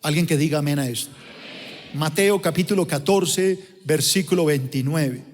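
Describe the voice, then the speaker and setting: Pastor preaching in a reverberant hall. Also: male voice, fairly high pitch, moderate pace. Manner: dramatic, acts out scenes with voices. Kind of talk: sermon. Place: large church auditorium. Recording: long church-hall reverb.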